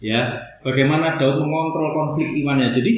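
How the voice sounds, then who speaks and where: A man delivers a sermon in a conversational way, regularly addressing the congregation directly. His voice sits somewhat high. The recording is very echoey, with a faint hum of room noise underneath. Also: steady tone, moderate pace, dull audio. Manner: conversational preaching, often addressing listeners as brothers and sisters. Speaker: pastor. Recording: very echoey hall.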